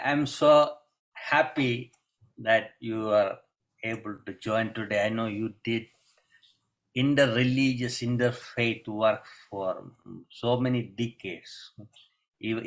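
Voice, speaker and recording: A man hosting a ceremony, thanking a guest in a podium speech with simple, halting, grateful phrases. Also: medium pitch, poor audio. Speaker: event host, religious leader.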